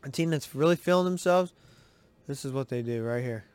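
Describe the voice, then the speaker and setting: A man hosting a sports podcast, giving excitable, rambling, profane commentary over game footage. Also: mid-range voice, a little fast, clear, resonant tone, no room sound.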